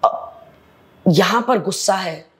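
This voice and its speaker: Speaking slowly in a medium-pitched, fairly bright voice, a reality show contestant chats candidly as an interview guest. She is blunt and animated and frequently drops English phrases into her speech.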